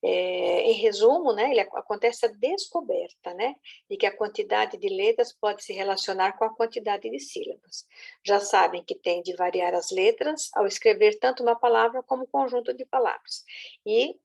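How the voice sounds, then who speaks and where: Gravelly-voiced woman teaching literacy. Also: mid-range voice, normal speed, darkish tone. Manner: patient, with many "né?" and "tá?" check-ins. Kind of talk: explanatory teaching talk.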